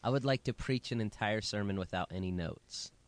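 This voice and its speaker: A man's voice: lowish voice, fairly quick, slight background noise. A man in his late thirties, a pastor co-hosting a podcast, chatting casually and teasing his co-host. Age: 30s. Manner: joking, teasing, playful. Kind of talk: casual chat.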